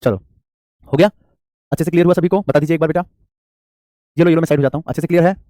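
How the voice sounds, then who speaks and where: A male teacher talks through a grammar lesson at a brisk clip. He asks his own questions and answers them, and he addresses students fondly as children. His voice is warm and relaxed, and the recording is dry and close with no room sound. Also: on the high side, no room sound. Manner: affectionate toward students, calls them child. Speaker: English teacher. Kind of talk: classroom-style grammar lecture.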